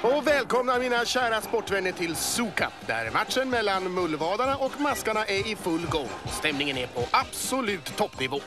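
A man voicing an excitable male boa snake who commentates a cartoon sports match, working up to yells at the goals. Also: high voice, hardly any pauses. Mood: lively. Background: music.

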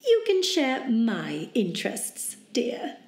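A woman's voice: a little high, wildly swooping pitch, slow, darkish tone, reverberant, full character voice. A woman voicing a haughty, bossy teenage girl in a fan audiobook, talking down and giving orders. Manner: condescending and commanding.

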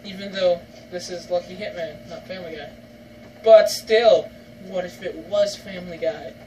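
A gaming channel host giving casual gameplay commentary, joking and breaking into yells and laughter. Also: mid-range voice, normal speed. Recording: distant mic with loud background noise.

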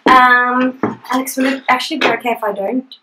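A chatty young woman guides a painting class live over a video call, upbeat and quick to laugh. Her voice sits high and sounds bright. The room adds a noticeable echo. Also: fairly even intonation. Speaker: art instructor. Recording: echoey room.

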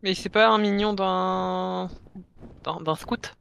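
A woman's voice: on the low side, fairly even intonation, takes it slowly, vocal fry, fairly bright tone, a little hiss or hum. A woman joining a gaming session over voice chat, talking casually and hesitantly, often repeating her words. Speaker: fellow player.

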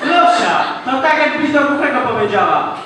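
A man's voice: extremely high pitch, very animated, moderate pace, background noise. A teenage boy playing a coarse, grumpy rural husband in a school stage comedy sketch, teasing his wife in crude slang. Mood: mocking. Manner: gruff, mocking, crude slang. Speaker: student actor in a school cabaret sketch. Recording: distant, echoey hall with audience. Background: audience laughter.

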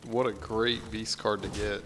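A man's voice: lowish voice, level tone, a little slow, noisy background. A man commentating a card-game match, casual and musing, often trailing off and restarting a thought. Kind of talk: esports play-by-play commentary.

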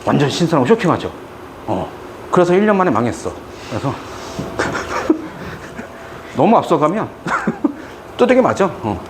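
Animated, joking middle-aged male tutor. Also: on the high side, unhurried, pauses often, noisy background. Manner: animated, joking, chatty with students. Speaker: math tutor. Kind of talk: lecture with storytelling asides. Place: classroom.

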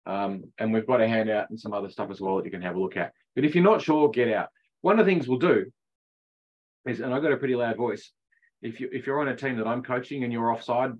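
His pitch is medium and his pace a little fast as this middle-aged hockey coach chats through the rules online, laughing at his own jokes. The sound comes from a video call and is dull and lo-fi.

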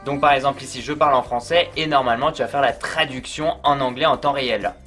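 A man's voice: medium pitch, fairly even intonation, quick pace, bright, forceful tone, faint music behind. Chatty man reviewing a gadget. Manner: chatty, many fillers, addresses viewer informally. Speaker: product reviewer. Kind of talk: casual unboxing review.

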